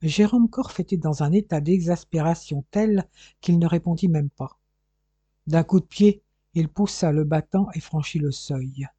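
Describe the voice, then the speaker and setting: Dark-voiced man reading a detective novel. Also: on the high side, a little slow, husky, no echo, highs cut off. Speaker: audiobook narrator. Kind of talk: scripted narration of a detective novel.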